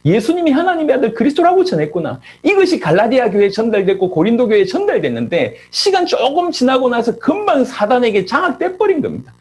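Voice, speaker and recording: A middle-aged man preaching a sermon as a pastor, firing off rhetorical questions and rising sharply in pitch for emphasis. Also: wildly swooping pitch, quick pace, few pauses, slight background noise.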